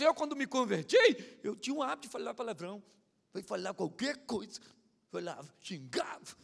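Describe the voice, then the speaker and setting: Male pastor, high and bright, preaching animatedly in a reverberant church hall. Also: creaky. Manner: animated, mimics others, swings from shouting to muttering. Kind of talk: humorous evangelical sermon.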